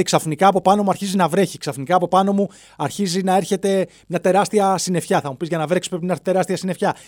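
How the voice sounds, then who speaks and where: Recording alone in a studio with no room sound, a podcast host speaks in a slightly high, slightly mellow voice. His solo comedy podcast rambles playfully across bits and features silly voices.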